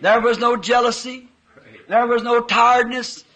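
Fervent preacher man, slow and bright. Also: very high-pitched, steady tone, rough recording. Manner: fervent storytelling with folksy grammar. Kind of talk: sermon recounting a vision.

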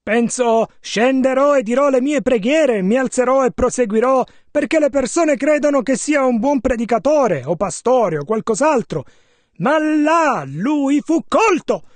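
A man voicing a translation of a sermon in measured, steady phrases. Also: very high voice, no echo. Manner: steady, measured rendering of each passage. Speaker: sermon interpreter.

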